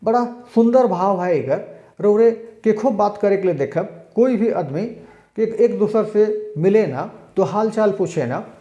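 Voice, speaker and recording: A man giving a recorded exam-prep language lecture, explaining slowly and acting out spoken examples. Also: high-pitched, lively intonation, dark tone, echoey room, lo-fi sound. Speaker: language teacher.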